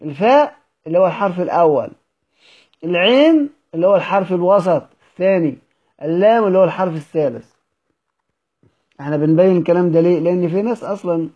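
A man with an Egyptian Arabic accent teaching Quran recitation in a recorded lesson. He asks questions, answers them himself and draws out example words slowly. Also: on the high side, dull audio.

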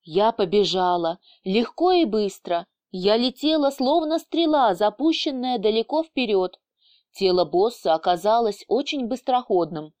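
A woman reading an audiobook aloud in a lively, teasing first-person storytelling manner. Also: medium pitch, unhurried, no room sound. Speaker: audiobook narrator. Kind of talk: scripted first-person narration.

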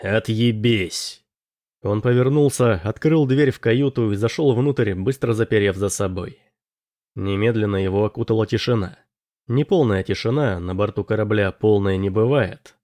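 A man narrating an audiobook in an even, measured way. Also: on the low side, no echo, clean studio sound.

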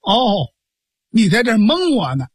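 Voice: medium pitch, wildly swooping pitch, measured pace, husky, no room sound, studio quality, full character voice. A storyteller voicing a feisty teenage girl skilled in fighting, scolding her younger brother. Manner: sharp, scolding. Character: feisty young woman martial artist, scolding.

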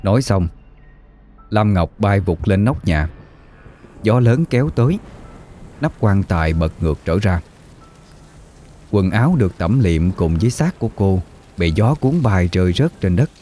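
Deep-voiced male storyteller. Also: animated, measured pace, pauses often, dark tone, slight background noise. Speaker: narrator. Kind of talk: scripted story narration.

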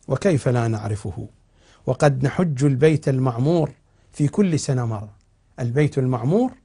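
A man speaking as a cleric in a TV religious lecture, reciting old narrations and then explaining them slowly and with emphasis. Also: mid-range voice, darkish tone. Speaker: cleric teaching on TV. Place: television studio.

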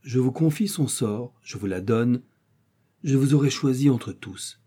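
Brief: man voicing a kind old governor in a storybook, grave and fatherly, dark husky voice. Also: mid-range voice, lively intonation, unhurried. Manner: grave, paternal.

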